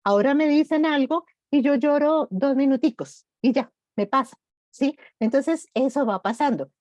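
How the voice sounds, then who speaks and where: A middle-aged woman speaking gently and reflectively in an online grief workshop. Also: high-pitched, moderate pace, no echo. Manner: gentle, reflective, personal examples.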